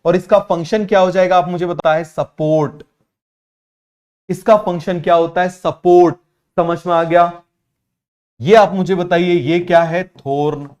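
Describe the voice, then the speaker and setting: A male teacher giving an online biology lesson in Hindi-English mix, repeating key terms and urging students to answer quickly. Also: high-pitched, steady tone, darkish tone, muffled recording. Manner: repetitive, keeps asking students to answer quickly; drills terms by repeating them slowly.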